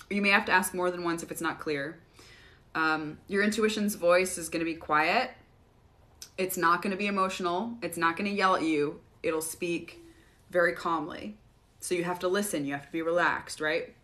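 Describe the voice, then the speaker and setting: A woman hosting a casual live Q&A, relaxed and chatty, often laughing as she answers viewers. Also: fairly low pitch. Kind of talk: casual livestream Q&A.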